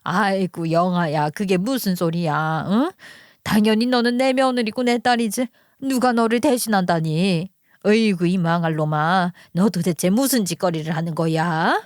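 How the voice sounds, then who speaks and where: A woman's voice: fairly low pitch, moderate pace, no echo, studio quality, natural voice. A woman voicing an elderly mother-in-law who wails and scolds her son in a dramatized story reading. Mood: scolding.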